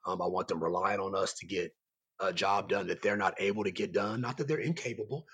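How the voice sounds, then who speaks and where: A man with a raspy, hoarse voice, worn from yelling, giving earnest, rambling answers as a coach being interviewed. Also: low-pitched, fairly quick. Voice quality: raspy, strained voice. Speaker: high school basketball coach and site coordinator, guest.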